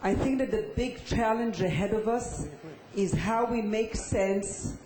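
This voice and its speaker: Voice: medium pitch, measured pace, a little mellow. An audience member at a conference, commenting hesitantly with many fillers. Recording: echoey conference hall.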